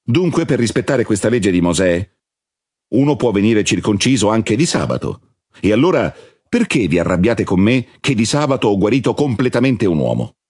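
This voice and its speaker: A man reading the part of a calm, solemn male religious teacher in a measured, husky voice. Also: fairly low pitch, no room sound, studio quality.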